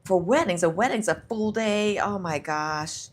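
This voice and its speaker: A woman's voice: medium pitch, unhurried. A middle-aged woman hosting a casual motivational live stream, talking herself through fears aloud and reading comments from viewers. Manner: warm encouraging, talks to herself aloud, reads viewer comments. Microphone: handheld or clip mic.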